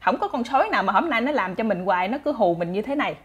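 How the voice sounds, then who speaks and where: A woman with a Southern Vietnamese accent, chatty and animated, telling folk stories to her listeners as a channel host. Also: fairly high pitch, fast. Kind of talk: casual folk storytelling.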